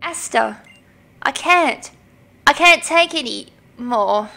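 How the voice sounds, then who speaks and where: A woman's voice: high-pitched, expressive, slow, vocal fry, bright, forceful tone, heavily acted. A woman reading the lines of a driven young woman who summons a dragon, in an earnest, dramatic way. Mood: distraught.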